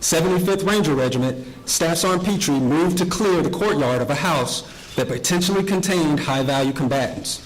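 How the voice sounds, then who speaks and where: An American man reads a formal military award citation aloud, crisp and measured, in set official phrases. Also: on the high side, a little hiss or hum, low-quality recording. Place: formal ceremony before an audience.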